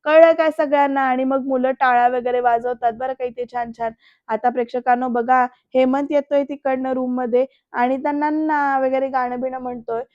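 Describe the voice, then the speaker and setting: A woman recapping a TV serial episode in a chatty style, keeping up a steady line of direct address to her viewers. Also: high voice, normal speed, no room sound. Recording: dull, lo-fi, dry sound.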